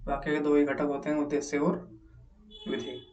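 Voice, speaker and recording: A man's voice: on the high side, level tone, a little fast, darkish tone, recorded from a distance, muffled recording. A man teaching as he solves an exam paper, reading each question aloud and then asking and answering it himself. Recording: echoey room, mic set back.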